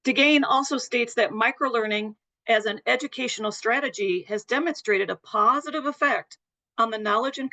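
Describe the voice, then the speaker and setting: A woman nursing educator presenting a webinar lecture in a steady, explanatory way, her voice a bit worn and throat-clearing. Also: fairly high pitch. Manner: explanatory, steady, apologetic over glitches.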